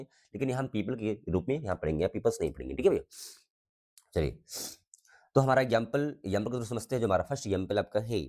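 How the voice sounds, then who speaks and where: Male tutor, slightly low-pitched, drilling grammar with repeated questions to the class. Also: warm tone. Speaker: teacher.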